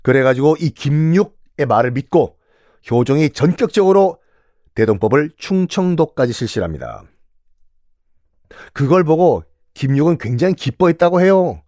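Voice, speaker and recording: A man giving a lively storytelling history lecture, acting out quotes and putting questions to his listeners. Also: on the high side, normal speed, no echo, clean studio sound. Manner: animated, acts out quotes, asks the audience questions.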